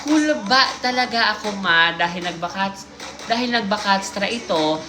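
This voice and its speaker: A woman's voice: medium pitch, expressive, moderate pace, roomy sound, over music. A woman hosting a casual livestream, reading listener stories aloud with playful, teasing asides.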